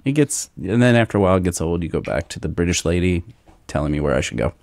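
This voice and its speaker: A man's voice: low-pitched, animated, quick pace, a little mellow, no room sound, clean studio sound. A man from Kentucky hosting a podcast, chatting casually and rambling, with filler words. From Northern Kentucky, US. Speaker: podcast host. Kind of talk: casual chat.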